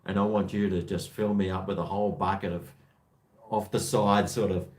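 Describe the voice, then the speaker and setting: A man's voice: deep voice, little pitch movement, normal speed. An Australian man hosting a call-in chat, joking with callers in a blokey, slangy way. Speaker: host of a live call-in show.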